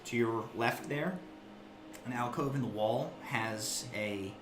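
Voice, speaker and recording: A man narrating a tabletop game as game master, haltingly, often searching for his words. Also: mid-range voice, noisy background. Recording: echoey room, loud background music.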